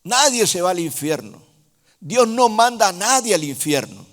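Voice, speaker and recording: A man preaching a sermon in a Honduran Spanish accent, speaking slowly and emphatically, with sudden loud rises and soft drops. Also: high voice, sing-song. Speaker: apostle preaching. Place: large church hall. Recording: reverberant church hall.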